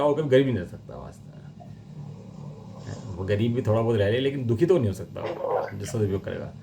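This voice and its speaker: A man's voice: mid-range voice, darkish tone, a little hiss or hum. Man giving a Jain scripture discourse. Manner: explains with everyday examples, asks the audience questions; lists terms slowly and deliberately. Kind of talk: religious discourse.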